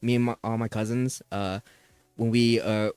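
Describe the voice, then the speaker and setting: A young man hosting a podcast, telling childhood stories in a lively way, laughing and swearing freely. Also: fairly low pitch, moderate pace, clear, resonant tone, dry recording, soft background music. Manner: animated storyteller, laughing, swearing. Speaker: podcast host. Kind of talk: casual chat.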